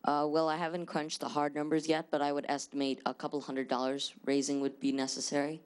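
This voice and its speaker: A man's voice: on the high side, completely flat delivery, brisk, smooth. A male presenter at a mock school board meeting, answering questions confidently but with many "uh"s. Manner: confident, hesitant fillers, many "uh"s.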